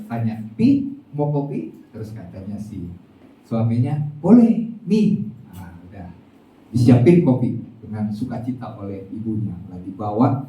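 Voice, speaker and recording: A male pastor giving a sermon, telling a story with frequent fillers and restarts. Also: mid-range voice. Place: church. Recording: echoey church sound, distant mic, soft guitar.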